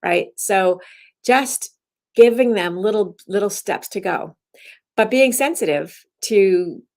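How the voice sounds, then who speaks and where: Gravelly-voiced woman chatting casually. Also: mid-range voice, slow pace. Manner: rambling and chatty, restarting sentences. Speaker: instructor giving a daily message. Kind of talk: casual self-recorded talk.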